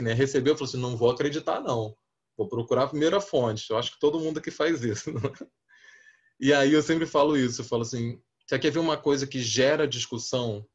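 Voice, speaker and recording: A man with a Brazilian accent speaks at a spiritist meeting, keeping his big, booming voice down to a gentle, even level. He talks in a mid-range pitch and tells stories like a conversation, acting out the exchanges. The sound is dull and lo-fi. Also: fast talker. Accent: Brazilian Portuguese. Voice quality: deep booming voice held back to a gentler volume. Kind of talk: talk to a spiritist audience.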